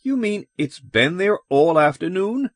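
In a story reading, a man voices a horrified male shopkeeper who grows agitated, exclamatory and increasingly hysterical. It's a full character voice pitched above his own, high with big pitch swings at a measured pace, in clean studio sound with no room tone.

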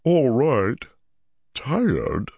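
Man doing a huge gentle Ogier, rumbly, bookish and excitable; lively pitch swings, in a dead-dry booth. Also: very slow, breathy edge, no echo, full character voice. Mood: earnest. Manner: earnest, flustered. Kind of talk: audiobook character voice.

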